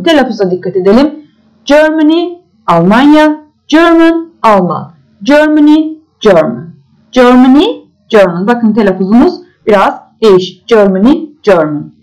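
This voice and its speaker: A young woman teaching English to children, with a lively, sing-song pitch that leaps up on every new English word. She repeats each word several times at a slow, patient drilling pace, in the manner of a classroom lesson. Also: rough recording. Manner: slow repetitive drilling of words. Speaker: primary school English teacher.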